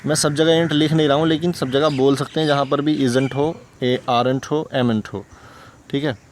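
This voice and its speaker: A male teacher with a mother tongue explains English grammar in a relaxed, talky style. He repeats examples and keeps asking rhetorical questions. His voice sits in a middle pitch, with faint background noise and birdsong. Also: normal speed. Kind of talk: casual classroom explanation.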